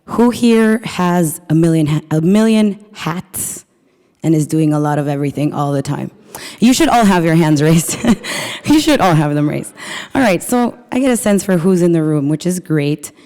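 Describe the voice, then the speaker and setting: A woman's voice: low voice, animated, normal speed, mellow. A woman from Peru giving a live workshop talk, telling stories in a chatty way and polling the audience with questions. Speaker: workshop presenter. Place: event room with a live audience. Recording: reverberant hall.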